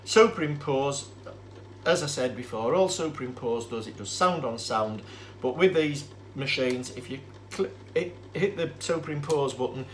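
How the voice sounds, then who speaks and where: This mid-pitched man talks at a normal speed while showing off vintage tape recorders, his casual, matter-of-fact explanation drifting a little with hesitations. A faint but clear, steady noise hums in the background.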